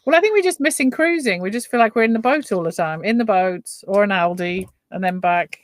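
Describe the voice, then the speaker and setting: Middle aged english woman just chatting on a livestream, normal pitch, dry sound. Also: expressive, brisk, dry recording. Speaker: live stream guest host. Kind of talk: casual chat.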